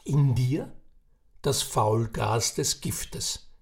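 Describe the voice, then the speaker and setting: A male author reads his own reflective prose. He muses and turns straight to the listener, and his voice carries a strong creaky fry at a middle pitch. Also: drawn-out words. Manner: musing, addresses the listener directly. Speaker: narrator and author. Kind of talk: reflective audiobook narration.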